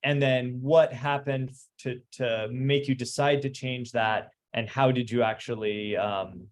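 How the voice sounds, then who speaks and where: A man hosting a casual interview, easygoing and often pausing to search for words. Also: mid-range voice, steady tone, slight background noise.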